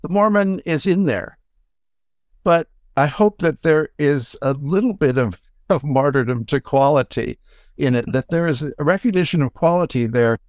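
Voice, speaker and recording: An older man, a music professor, giving a reflective, halting acceptance talk full of pauses and restarts. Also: a little high, no room sound, clean studio sound. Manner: halting, many fillers and restarts. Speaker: award recipient, music professor.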